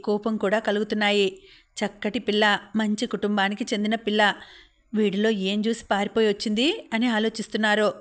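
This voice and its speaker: A woman narrates a serialized storybook novel in a steady reading voice. Her pitch sits in the middle and barely moves, giving the narration a very flat, level delivery. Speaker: audiobook narrator.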